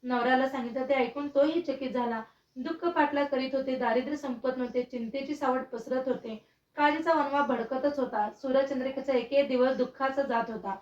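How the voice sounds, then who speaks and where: High-voiced woman reciting a devotional tale. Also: brisk. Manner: steady, rhythmic recitation. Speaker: storyteller. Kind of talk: reading a devotional vrat story. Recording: roomy, distant, dull sound.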